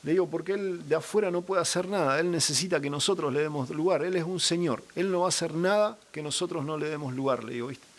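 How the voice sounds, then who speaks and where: A young man shares an earnest faith testimony as a guest. His voice sits a little high for a man, and he acts out the lines of everyone in his story. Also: fast, few pauses. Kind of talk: personal religious testimony.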